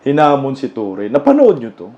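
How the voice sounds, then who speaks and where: A man giving casual political commentary, mocking and laughing often, now and then bursting into shouts. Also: medium pitch, huge pitch swings, normal speed. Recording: dull lo-fi with clear background noise.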